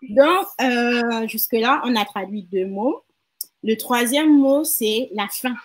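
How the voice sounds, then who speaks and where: A woman's voice: fairly high pitch, slow pace. A woman learning a language from her mother in a casual lesson, repeating words carefully and laughing at herself. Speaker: learner and co-host.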